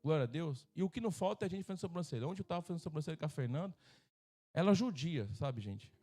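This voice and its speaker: Brazilian pastor with a lively, joking delivery. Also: male voice, on the high side, fast. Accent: Brazilian Portuguese. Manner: humorous, acts out quoted voices. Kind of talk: sermon. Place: church service.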